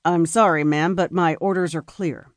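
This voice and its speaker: A woman's voice: on the low side, steady tone, moderate pace, no room sound, lightly acted. Woman voicing a blunt male army lieutenant. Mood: firm. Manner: clipped, formal, insistent. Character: stern male military lieutenant, dutiful and blunt.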